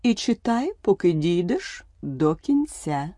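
A woman voicing a pompous, flustered old male king in an audiobook, speaking slowly and ponderously. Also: on the low side, very animated, warm tone, no echo, clean studio sound, exaggerated voice. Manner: slow and ponderous. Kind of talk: audiobook character voice.

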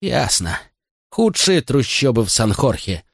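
A man's voice: medium pitch, very animated, unhurried, vocal fry, dry recording, clean studio sound, voice pushed up, exaggerated voice. A man reading an audiobook voices a cold, domineering father who questions his son bitterly and sternly. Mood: cold, cutting. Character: cold, domineering middle-aged father, a consul. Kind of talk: audiobook character voice.

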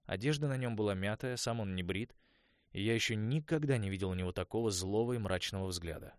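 A man narrating an audiobook in the first person in a steady, measured way. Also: on the low side, clean tone, no room sound, studio quality.

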